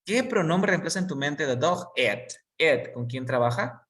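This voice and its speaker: Slow patient English teacher. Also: mid-range voice, animated, a bit bright, recorded from a distance. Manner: slow and patient, repeats each word for students. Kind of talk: basic English lesson, drilling pronunciation.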